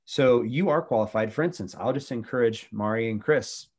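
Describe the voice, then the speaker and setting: A man's voice: mid-range voice, moderate pace, slightly rough. A middle-aged man, a former youth pastor, talking about faith and family in an earnest, preachy way with many restarts.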